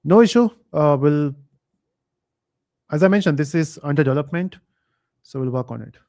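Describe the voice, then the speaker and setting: Hosting a live quiz stream, a man chats in a relaxed way, his voice leaning slightly high. He frequently pauses on fillers as he reads viewer comments aloud in this casual stream.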